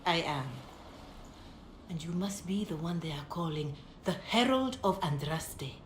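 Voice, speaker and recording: An actress playing a calm, compassionate middle-aged holy mother in a fantasy video game, speaking in a measured, gentle, solemn way. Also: on the low side. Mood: grave, candid. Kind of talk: dramatic video game dialogue. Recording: roomy echo, background ambience noise.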